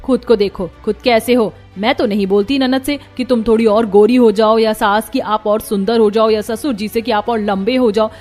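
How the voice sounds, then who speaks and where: Woman voicing a bold young daughter-in-law, fiery, defiant, higher voice, faint music. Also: fairly even intonation, moderate pace, few pauses, a little mellow, lightly acted. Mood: angry. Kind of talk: cartoon voice acting.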